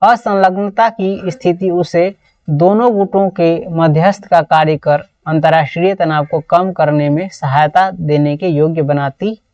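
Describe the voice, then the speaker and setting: In an exam-prep lesson, a Bihari-accented political science teacher reads model answers aloud didactically, often repeating phrases. Her fairly low voice is a little mellow, with fairly even intonation and a measured pace. She sits far from the mic, and the dull lo-fi audio carries a roomy echo.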